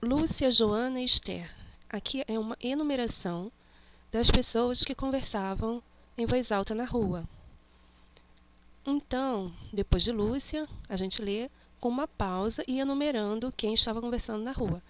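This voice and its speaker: A woman teacher slowly correcting a classroom exercise, stressing each punctuation mark she names. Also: a little high.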